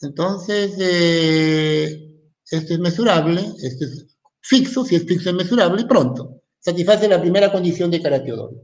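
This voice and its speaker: A man's voice: high voice, moderate pace. A man teaching a recorded university math lecture in in, thinking aloud and often stopping to ask "¿no?".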